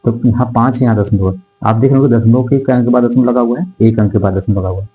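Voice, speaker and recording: The rough recording carries a mellow, slightly rough, mid-range male voice: a math teacher covering decimals in a whiteboard classroom. He dictates numbers slowly digit by digit, repeats himself, and asks "theek hai" constantly.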